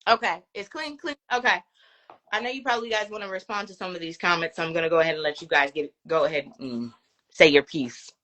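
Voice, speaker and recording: A woman hosting a casual live stream, reading viewer comments aloud with laughs and quick asides. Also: fairly low pitch, a bit bright, dry recording.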